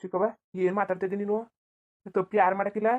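A woman voicing a young village man in a cartoon who firmly tells his aunt to calm down. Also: mid-range voice, very fast, muffled recording, natural voice. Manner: firm, reproachful. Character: young village man, the mother's nephew, firm and calming. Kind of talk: cartoon dubbing.

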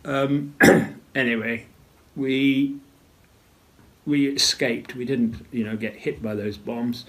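Older man, gravelly, clearing throat. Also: medium pitch, steady tone, a bit bright. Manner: measured storytelling, frequent throat clearing. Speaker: retired naval officer interviewee. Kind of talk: interview recollection.

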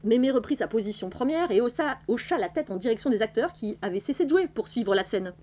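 Woman, library host, reading aloud, measured storytelling, slightly high voice. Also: animated, warm tone. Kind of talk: reading a novel aloud on a live stream.

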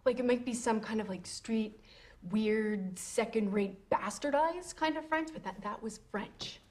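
A woman's voice: on the high side, a little slow, darkish tone, lightly acted. A woman playing a matter-of-fact officer. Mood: wry.

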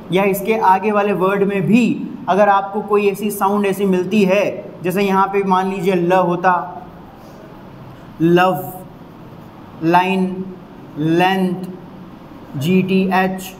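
A man with a high voice and a Hindi accent explains an English literary term to students. He repeats points emphatically and drills example sounds slowly, drawing them out. The rough recording has a little hiss or hum.

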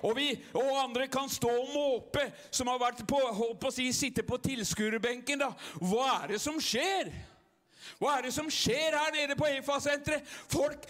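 A Norwegian man preaching a revival sermon with fervent energy and frequent cries of hallelujah. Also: extremely high pitch. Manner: fervent, shouts hallelujah, then drops to a calmer Bible reading. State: gets excited and loud.

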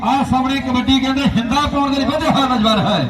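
Frantic male kabaddi caller, very high voice. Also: fairly even intonation, fast talker. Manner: declamatory, formulaic phrases with folk rhymes. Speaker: kabaddi commentator. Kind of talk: frantic rural sports commentary. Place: outdoor village sports ground. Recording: echoey outdoor PA, distant, crowd noise.

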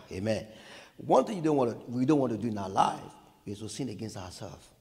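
A man from Nigeria with a Nigerian accent, preaching a sermon in call-and-response, swinging from hushed lines to shouts. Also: mid-range voice, vocal fry, long reverb tail.

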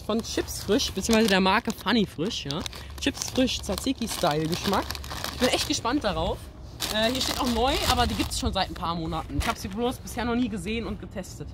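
A man's voice: high voice, animated, fairly quick. A teenage young man hosting a casual taste-test vlog, talking in a chatty, hesitant way outdoors toward a camera a few steps away. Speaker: video host reviewing snacks. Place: outdoors by a brick wall. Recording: outdoor camera audio with clear background noise.

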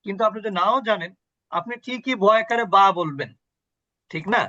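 A man's voice: high voice, brisk, pushed and bright, no room sound, highs cut off. A man teaching an online Quran recitation class on a video call, patiently quizzing his students and repeating sounds for them.

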